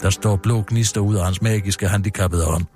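A man hosting a radio comedy show, reading a silly screenplay aloud in a deadpan, mock-serious way. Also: on the low side, faint music behind.

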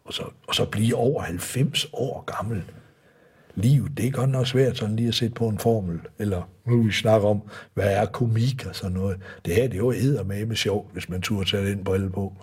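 Husky, halting man hosting. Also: on the low side, darkish tone. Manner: halting, with fillers and mild swearing. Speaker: host. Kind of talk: casual satirical chat.

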